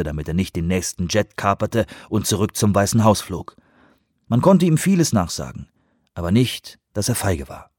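Measured male audiobook narrator. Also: fairly low pitch, darkish tone, no room sound, studio quality. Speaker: audiobook reader. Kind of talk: scripted narration.

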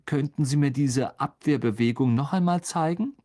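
A man's voice: medium pitch, moderate pace, warm tone, close to an everyday voice. A man voicing a nervous but brave teenage boy wizard in a plain, earnest voice. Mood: wary.

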